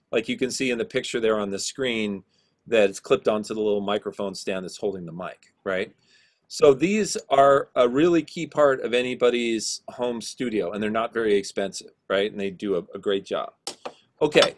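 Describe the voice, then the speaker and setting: Teaching online through a video call, this middle-aged man speaks in a low voice and explains in a relaxed way, leaning heavily on filler words.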